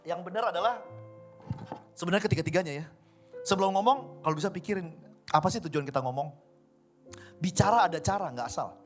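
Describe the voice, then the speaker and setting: In a church service hall, with faint keyboard music in the background, a man preaches a conversational sermon. His voice is high and quick, with frequent pauses, and he acts out everyday dialogue in different voices.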